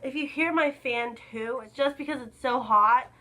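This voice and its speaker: A young woman vlogger chatting casually to camera about makeup, a little hoarse from being sick, filling her talk with "like.". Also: high voice, moderate pace, pushed and bright, rough recording. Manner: chatty, lots of "like" fillers. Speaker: beauty vlogger.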